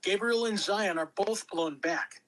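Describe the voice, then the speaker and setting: Dramatically narrating the action from a script at a table read, a woman speaks in a mid-range voice at a measured pace.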